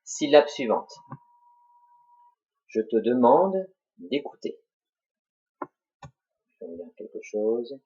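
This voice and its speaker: A man teaching a dictation lesson, slowly spelling out syllables for children to repeat and write. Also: medium pitch, very animated, dark tone, slightly rough. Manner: slow, deliberate, spells out syllables. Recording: dull lo-fi recording.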